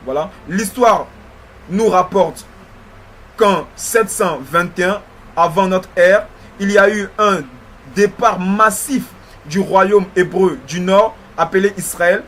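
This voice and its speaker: Guy with kinda high voice and a slushy lisp giving a religious history lesson, bit of background noise. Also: slow pace, a bit bright. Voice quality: slight lisp. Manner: didactic, repeats phrases, often adds "ok" as a check. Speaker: religious teacher.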